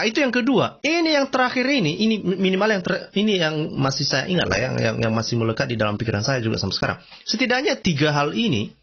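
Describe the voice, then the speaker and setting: A man giving casual commentary and reading texts aloud, slangy and emphatic, often jumping high in pitch to stress a point. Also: creaky, fairly bright tone, slightly rough. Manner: slangy, emphatic, repeats "coy", frequent sudden high-pitched exclamations. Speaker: religious commentator. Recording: dull lo-fi recording.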